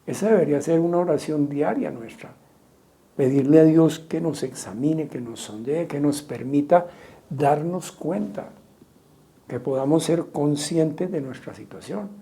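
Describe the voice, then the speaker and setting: A man preaching a sermon as pastor, asking repeated rhetorical questions and loudly acting out quoted cries. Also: on the high side, vocal fry. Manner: rhetorical questions, dramatic quoting of shouts.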